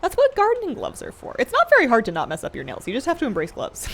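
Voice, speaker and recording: A woman's voice: high-pitched, huge pitch swings, fast, a bit bright, slight background noise. A woman livestreaming a game, chatting casually and playfully with viewers and musing aloud as she plays. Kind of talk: casual livestream chat with viewers while gaming.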